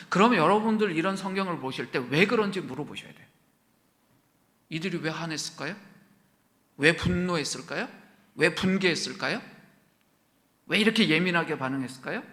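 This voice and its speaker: A male pastor preaches in a church sanctuary with hall reverb, his high-leaning voice bright and forceful. He asks the congregation many questions, acts out quoted lines, and sometimes drops to a whisper.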